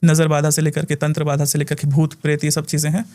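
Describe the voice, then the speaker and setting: Brief: male spiritual healer, high-pitched, lively storyteller, laughs a lot. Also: fast. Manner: animated storytelling, laughs often. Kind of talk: casual podcast chat.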